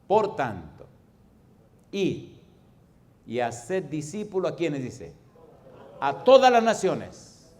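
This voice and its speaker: A man of sixty, a pastor preaching a sermon and telling a personal story, swinging from loud exclamations to low, confiding tones. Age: 60s.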